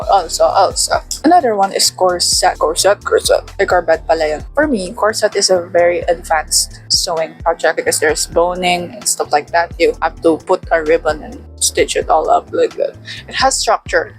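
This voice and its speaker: A woman's voice: lowish voice, rough recording. A young woman with a Filipino accent, chatting casually to camera in a self-deprecating way, still a little sleepy. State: sleepy, just woken. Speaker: vlogger.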